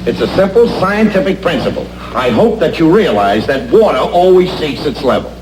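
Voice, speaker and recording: A man's voice: on the high side, sing-song, moderate pace. An actor playing a lecturing know-it-all man in an old television sitcom. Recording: echoey, noisy old TV sitcom clip.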